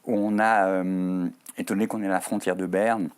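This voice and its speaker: A Swiss French writer, appearing as an author guest in a TV studio interview, speaks thoughtfully with frequent hesitations and fillers. His low, smooth voice has a flat delivery and a measured pace.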